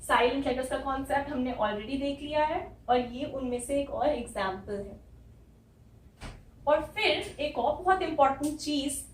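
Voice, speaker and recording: A high-pitched woman teaching a class from some distance off the mic, her voice ringing in an echoey room. She goes slowly, repeats each word and throws questions back at her students. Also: slight background noise. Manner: slow, repeats words and asks the class questions. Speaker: English teacher. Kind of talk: classroom lesson.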